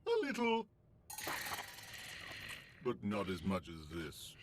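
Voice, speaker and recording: A cackling cartoon tyrant. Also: male voice, low-pitched, huge pitch swings, slow pace, heavy background noise, exaggerated voice. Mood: scheming. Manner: cackling, taunting, sing-song. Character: gleeful petty tyrant man, loud and childish. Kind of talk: cartoon voice acting. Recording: cartoon audio over loud music.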